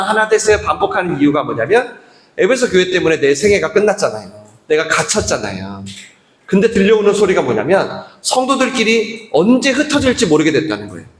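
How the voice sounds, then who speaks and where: Man, pastor, lively high voice, conversational sermon, roomy church hall with long reverb. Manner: conversational preaching with quoted voices and questions to the congregation. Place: church sanctuary.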